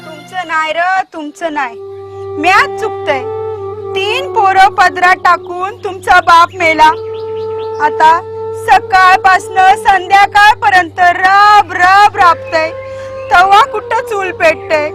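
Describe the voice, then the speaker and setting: A woman's voice: very high voice, slow, over music. A woman playing a harsh widowed village mother. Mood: weary. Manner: sharp scolding, blunt. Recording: background film score under voice.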